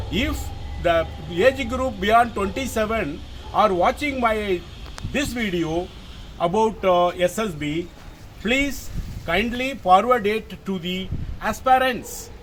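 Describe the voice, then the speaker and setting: Here an older native Tamil speaker from Tamil Nadu, India, talks to camera with a Tamil Indian English accent, giving emphatic, informal instruction as a retired officer and often repeating his phrases. His voice is high and a bit bright. The rough recording was made on a mobile phone camera, with noise in the background.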